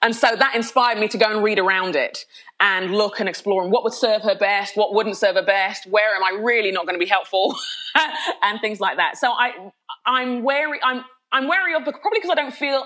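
A middle-aged London pastor of Nigerian heritage appears as a podcast guest in a candid conversational interview. She talks with energy, laughs often, and frequently restarts her sentences. Her voice is fairly high and a bit bright, at a moderate pace.

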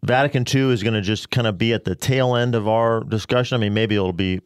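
Deep, smooth-voiced man, dry wit. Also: no echo. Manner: dry wit, measured, explanatory. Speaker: radio station manager and guest. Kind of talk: casual radio interview. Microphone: studio mic. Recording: dry studio sound.

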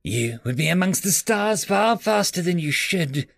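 A man's voice: sits high, very animated, measured pace, creaky, dry recording, clean studio sound, faint music behind, pitched above the performer's own voice, exaggerated voice. A man putting on a haughty, scornful alien prisoner. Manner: haughty, disdainful. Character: proud, contemptuous male alien prisoner.

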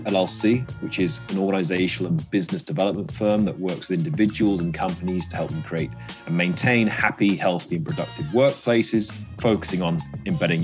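Low-voiced male co-host, faint music. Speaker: podcast co-host. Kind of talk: conversational introduction.

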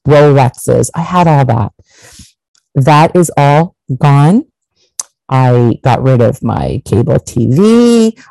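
A middle-aged Portuguese vlogger gives candid advice straight to camera, blunt in emphasis and swearing now and then. Her warm, mellow voice rumbles low, recorded up close and completely dry with no echo or room sound, though the audio is poor.

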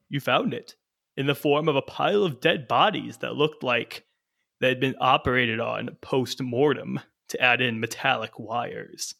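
A man's voice: medium pitch, vocal fry, sharp tone. A man putting on a gloating villain. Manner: mocking, theatrical taunting. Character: gloating male villain, sneering and menacing.

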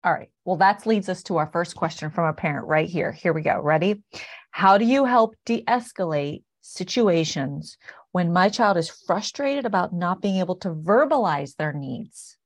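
A woman's voice: fairly low pitch, lively intonation. Encouraging woman hosting an interview. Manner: encouraging, quick affirmations. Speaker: interview host. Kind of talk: hosted interview.

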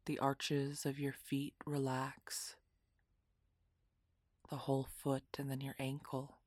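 A woman guiding a relaxation meditation in a soft, half-whispered, soothing voice. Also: extremely low pitch, dry recording, studio quality. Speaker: meditation guide.

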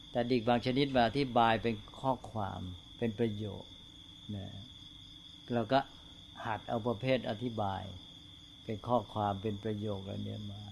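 An older male Buddhist monk giving a slow, unhurried talk to fellow monks, often checking in with tag questions. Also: mid-range voice, a little hiss or hum.

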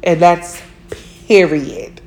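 A woman's voice: lowish voice, steady tone, very slow, a little mellow, soft background music. A woman, giving blunt relationship advice in a casual monologue, swearing freely and laughing at herself.

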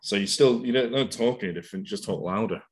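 A man chats loosely as a podcast co-host. His voice sits very low and comes out husky. He rambles, piling up fillers and restarts as he goes. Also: quick pace. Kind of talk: casual podcast chat.

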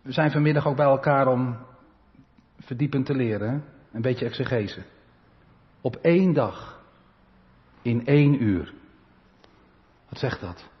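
A man from the Netherlands preaching a sermon as pastor, his voice swelling loud and then dropping to quiet asides, often tagging a "hè?" onto his points. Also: medium pitch, measured pace, pauses often, in a large hall, muffled recording. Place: church.

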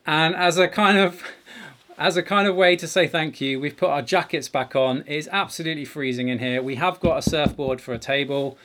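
A man's voice: a little high, a little fast, a bit bright. A middle-aged man hosting a conversational podcast from a home garage, speaking in an earnest, emphatic way. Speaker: podcast host.

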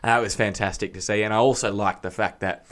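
An Australian man in his young adult years talks football as a podcast co-host. His voice sits on the low side, and he sounds animated and easygoing, laughing often and dropping the odd swear word. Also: brisk. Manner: enthusiastic, laughs easily, casual swearing. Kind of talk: casual football chat.

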